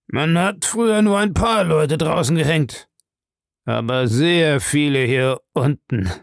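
A man reading an audiobook, voicing a cruel old man who relishes other people's suffering in a slow, savoring way. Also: a little high, creaky, no room sound, clean studio sound, voice pushed up. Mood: gloating. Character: cruel gloating old man, castle owner. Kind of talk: audiobook character voice.

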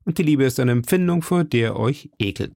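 A man's voice: mid-range voice, expressive, a little fast, darkish tone, dry recording, clean studio sound, pitched above the performer's own voice, natural voice. A man doing a teasing young swordsman. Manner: playful, mock-serious. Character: lively young male swordsman, teasing and warm. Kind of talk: audiobook reading.

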